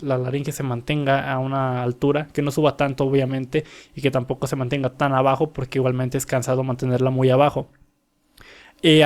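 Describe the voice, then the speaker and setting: A man's voice: medium pitch, a little mellow. A young man breaking down a singer's vocal technique in a casual way, stopping to sing short examples. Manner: explains with sung demonstrations. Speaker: vocal coach analyzing a singer.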